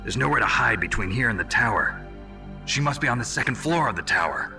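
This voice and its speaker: A man playing a gruff, defiant, stoic soldier hero in a video game. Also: mid-range voice, lively intonation, a little fast, music in the background. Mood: terse, analytical. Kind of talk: dramatic video game acting.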